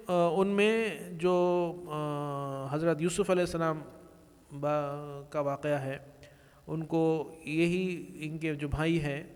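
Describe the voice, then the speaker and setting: Reverberant male religious lecturer. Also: a little high. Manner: measured, explanatory, with frequent pauses and restarts; mixes English words into his speech. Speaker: religious speaker. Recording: long reverberant echo.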